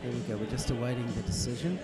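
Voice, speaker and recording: A man co-commentating a boxing bout, measured and careful in his calls. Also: medium pitch, loud music behind the voice. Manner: measured, hedging analysis. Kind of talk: live fight commentary.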